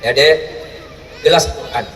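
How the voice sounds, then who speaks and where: A male preacher giving a comic sermon to a large crowd, animated and often shouting in mock scolding. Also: medium pitch, unhurried, a little hiss or hum. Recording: echoey hall from far off with crowd.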